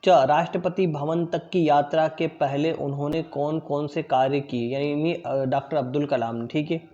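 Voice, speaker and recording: Guy teaching online class, slightly high voice, repeats everything, says ok a lot, kinda muffled lo-fi audio. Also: steady tone, mellow. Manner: explains slowly, repeats answers, often says "theek hai"; drills pronunciation, word then pause for pupils.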